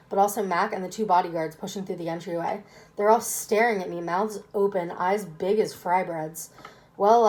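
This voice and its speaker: A woman's voice: medium pitch, darkish tone, rough recording. A woman reading a children's novel aloud expressively, as first-person narration. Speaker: reader.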